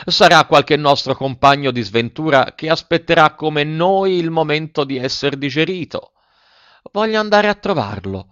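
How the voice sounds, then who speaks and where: A tearful wooden puppet boy whines and pleads in a high, strained voice, as a man puts him on. The audiobook recording sounds dull and dry, with no room around it. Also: animated, normal speed, fairly bright tone, clean tone, no room sound. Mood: pleading. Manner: whiny, pleading, high-pitched.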